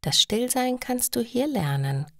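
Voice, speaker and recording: A woman voicing a calm female meditation teacher who speaks quietly and slowly. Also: fairly high pitch, dry recording, studio quality, voice pushed up, exaggerated voice. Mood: gentle. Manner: quiet, slow, soothing instructions.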